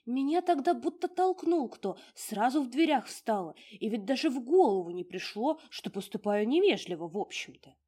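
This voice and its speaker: A woman voicing a curious, puzzled young woman in a storybook reading, inquisitive and wondering, with a husky voice. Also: on the high side, big pitch swings, normal speed, hardly any pauses, warm tone, pitched above the performer's own voice.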